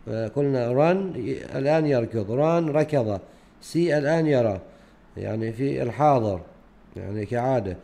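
A man with a Gulf Arabic accent teaching a grade-four English unit in a recorded lesson walkthrough, mixing Arabic explanation with English words and pausing often with fillers. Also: mid-range voice, mellow. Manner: switches between Arabic explanation and English words, many hesitations.

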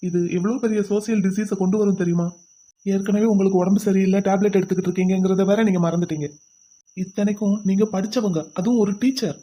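A woman's voice: mid-range voice, mellow, lo-fi sound, slight background noise, natural voice. A woman voicing a stern young husband in a cartoon who lectures and scolds. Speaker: cartoon voice actor. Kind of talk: cartoon voice acting.

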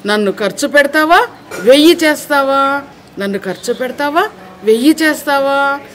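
A shrill talking coin from a children's storybook, shrieking its demands again and again, as a woman puts it on. The voice rides high and insistent over faint background noise. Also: normal speed, a bit bright. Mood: shrill demanding.

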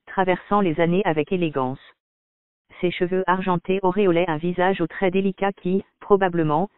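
A man narrates a story in first person with a calm, measured reading. His voice is fairly high and crisp. The sound is dry, with no room, and thin like a phone line. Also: dry recording. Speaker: audiobook narrator. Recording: dry, tinny phone-like audio.

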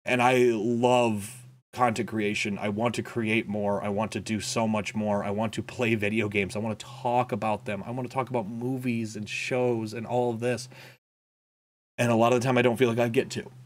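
Reflective and halting, a young man gives a candid personal vlog update in a lowish voice with a level tone, stumbling through frequent fillers and restarts. The content creator records in a small home room on a boom-arm desk microphone, headphones on.

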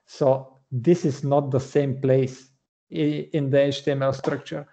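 Slow, gravelly man demoing code. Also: medium pitch, flat delivery, dark tone, dull audio. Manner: methodical, explanatory, many "uh" pauses. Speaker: front-end developer presenting. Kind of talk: screen-share coding walkthrough.

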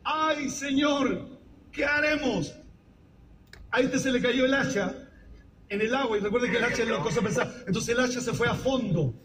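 A man preaching a sermon in a church, exhorting the congregation to repeat his words and reading scripture aloud slowly. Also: very high-pitched, crowd noise. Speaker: pastor. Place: church hall. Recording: echoey church from far off with loud traffic noise.

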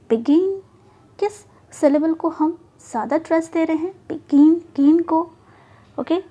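A woman English teacher with a high, slightly mellow voice teaches spelling rules step by step in a spoken lesson that mixes Hindi and English. She explains slowly, checking in often with "okay" and "theek hai."

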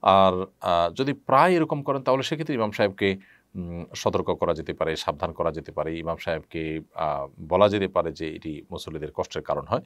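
A man with a very low voice and a Bangladeshi Bengali accent answers religious questions sent in by viewers. He speaks in a measured way and often pauses with "ah". The sound is dry and close, with no room echo. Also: a bit bright. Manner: measured, frequent "ah" fillers, reads names then answers. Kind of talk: live Q&A, reading questions and answering.

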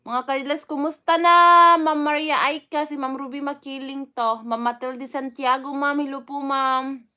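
A chatty Filipino woman hosts a casual live stream, calling out viewers by name between stretches of easygoing talk. Her voice sits high and sounds bright and crisp, and her speech is loose and full of fillers. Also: fairly even intonation, moderate pace. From Philippines. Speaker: vlogger greeting live chat viewers.

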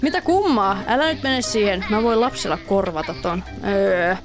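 A woman's voice: medium pitch, expressive. A young woman giving playful, chatty commentary while playing a life-sim game, tossing in English phrases. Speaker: gaming YouTuber. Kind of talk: casual let's-play commentary. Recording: faint music behind.

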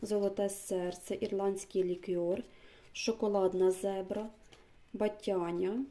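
Soft-spoken woman reading out seed packets. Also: medium pitch, level tone. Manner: chatty, slow, reads out names one by one; drops to a near-whisper when reading labels. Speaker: gardening vlogger. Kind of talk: casual show-and-tell chat.

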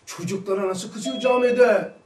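A high-voiced man with a Turkish accent giving a religious lesson, lively and full of rhetorical questions. He is recorded from some distance away in an echoey hall. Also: a little slow. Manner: animated, acts out quoted voices, rhetorical questions. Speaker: religious teacher.

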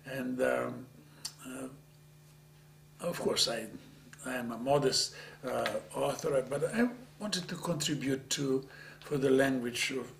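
An older man with a Macedonian accent speaks in a creaky, gravelly voice at an ordinary male pitch. He is halting and earnest, searching for words as he reflects in an interview, with a faint noisy hum on the recording. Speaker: interviewee, author of dictionaries. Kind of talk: reflective oral history interview. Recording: faint hum and background noise.

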